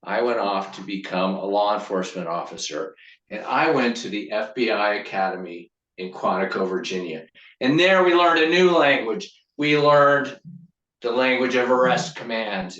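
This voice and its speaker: A man giving a humorous prepared storytelling speech to a club, with a deliberate delivery and dramatic pauses. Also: medium pitch, animated, fairly bright tone, lo-fi sound. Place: meeting room. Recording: roomy echo, from far off.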